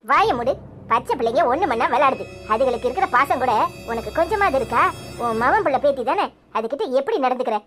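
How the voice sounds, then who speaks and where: A woman's voice: high-pitched, animated, fast, a bit bright, faint music behind. A woman voicing an outspoken scolding village woman, Tirunelveli accent. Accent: Tirunelveli Tamil. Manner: indignant, lecturing. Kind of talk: cartoon voice acting.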